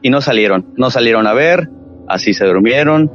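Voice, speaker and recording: A man's voice: medium pitch, normal speed, lo-fi sound. Man telling a spooky family story. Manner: animated retelling with quoted voices. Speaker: guest telling a true paranormal story. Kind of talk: casual storytelling.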